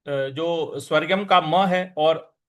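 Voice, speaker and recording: A man teaching verse recitation, breaking words into syllables and chanting each line deliberately. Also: a little high, fairly bright tone. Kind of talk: Sanskrit recitation lesson.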